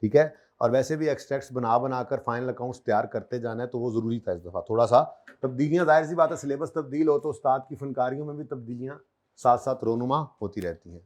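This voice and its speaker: A man's voice: mid-range voice, fast, a little mellow. A man teaching an accounting class in a conversational way, quizzing his students and teasing them lightly, with a Pakistani Urdu accent. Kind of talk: classroom lecture. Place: classroom with a board.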